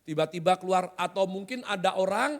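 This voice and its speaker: A man's voice: sits high, brisk. A male pastor, preaching a sermon in a joking, conversational way and often quizzing the congregation. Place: large hotel hall used as church. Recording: long hall reverb.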